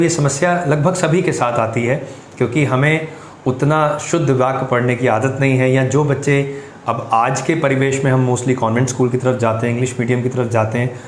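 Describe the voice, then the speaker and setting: A man from Punjab hosting a live session, asking questions earnestly and mixing in English words. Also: mid-range voice. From Punjab, India. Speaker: host. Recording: echoey room with faint noise.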